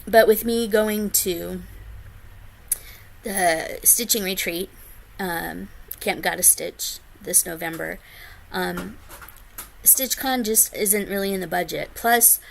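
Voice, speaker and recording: Gravelly-voiced woman chatting casually on her vlog. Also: medium pitch, takes it slowly, pauses often, a little hiss or hum. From United States. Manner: rambling, frequent ums, tired. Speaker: flosstube vlogger. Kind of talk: casual chat to camera.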